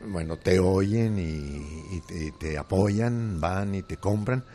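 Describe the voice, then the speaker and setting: A man's voice: low voice, takes it slowly, warm tone, slight background noise. A man hosting a radio show, talking in a folksy, rambling way. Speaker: radio host. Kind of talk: casual radio chat.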